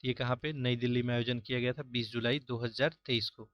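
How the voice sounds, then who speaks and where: A man working through mock-test questions as an exam-prep teacher, reading each question and its options, then giving the answer in a steady, explanatory way. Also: medium pitch, a little fast, no room sound. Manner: steady, explanatory, repeats filler "jo hai".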